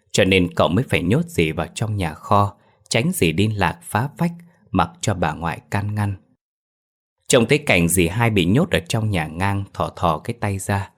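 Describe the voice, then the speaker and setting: A man narrating a horror story in a steady, somber way. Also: low voice. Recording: faint background music.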